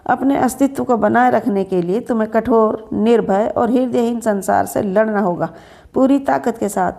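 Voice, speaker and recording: A woman narrating a story in first person, expressive and shifting into a stern employer's voice. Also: on the high side, vocal fry.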